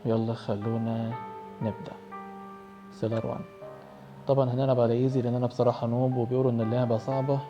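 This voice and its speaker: A man's voice: mid-range voice, level tone, racing, long pauses, lo-fi sound, music in the background. A young man with an Egyptian Arabic accent, commentating a horror game he's playing. He sounds jittery and prays under his breath. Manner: jittery, screams and prays when startled. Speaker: gaming youtuber.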